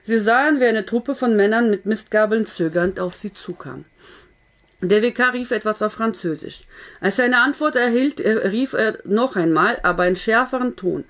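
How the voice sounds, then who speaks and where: A woman reading a historical novel aloud in a steady narrating voice, now and then correcting a slipped word. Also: a little high, moderate pace. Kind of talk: audiobook-style story reading.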